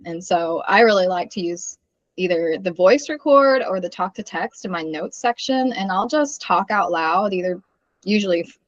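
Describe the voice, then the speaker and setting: A woman's voice: lowish voice, lively intonation, moderate pace, no room sound. Candid woman guest, dull lo-fi sound. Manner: candid, rambling with fillers. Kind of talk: casual conversation.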